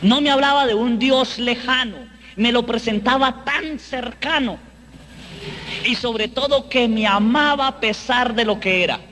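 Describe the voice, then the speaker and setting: A man giving an emotional first-person faith testimony, earnest and dramatic, slowing down on key phrases. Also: very high-pitched, pushed and bright, a little hiss or hum.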